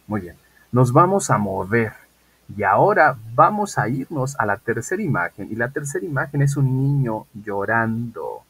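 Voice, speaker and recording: A man teaching an English class online, patiently repeating model sentences slowly and often checking in with "¿ok?". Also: fairly low pitch, husky, low-quality recording.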